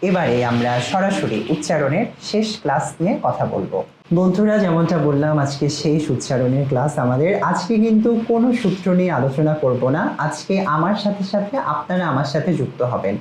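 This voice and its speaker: Man as a recitation teacher, measured word-by-word drills, roomy echo, faint rain behind. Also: a little high, expressive, darkish tone, a little hiss or hum. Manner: slow, measured, spells out words one by one. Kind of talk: pronunciation lesson with word drills. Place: outside the studio, storm and rain outside. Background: storm and rain.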